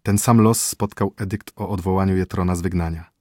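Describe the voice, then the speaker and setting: A man narrating a story as an audiobook, telling it in a steady, dramatic way. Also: low-pitched, brisk, no room sound, studio quality.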